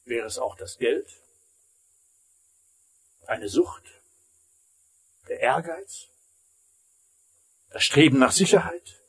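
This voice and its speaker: A man preaching a sermon as pastor, emphatic, rising high and then falling almost silent. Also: expressive, takes it slowly, pauses often, breathy edge.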